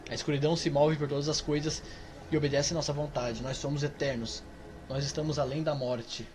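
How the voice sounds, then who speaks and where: Man reading as a dark cult entity, slow and solemn, noisy recording. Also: a little high, flat delivery, close to an everyday voice. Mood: ominous. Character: dark cult entity in a possessed boy, cold and eternal.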